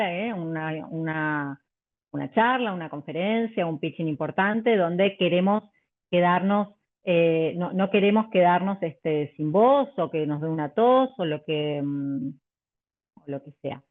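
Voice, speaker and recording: A woman vocal coach, teaching a live online workshop, full of fillers and restarts and demonstrating pitch and volume changes. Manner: hesitant, many fillers and restarts. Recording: tinny phone-like audio.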